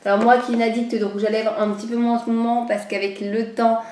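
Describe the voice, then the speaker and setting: Casting note: woman vlogger, a bit higher voice, slightly nasal, chatty and hesitant, in an echoey room. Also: little pitch movement, fast talker, darkish tone. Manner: rambling, hesitant, many fillers. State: recovering from a cold. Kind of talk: casual chat.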